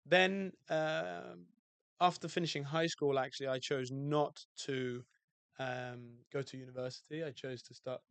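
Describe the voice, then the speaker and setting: A man's voice: mid-range voice, fairly even intonation, unhurried, gravelly, a bit bright, smooth, no echo. A man with a British accent from outside London, telling his story as a podcast guest in a loose, easygoing way with lots of fillers. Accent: British English. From England, outside London. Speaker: guest, hotel owner. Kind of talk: relaxed podcast interview.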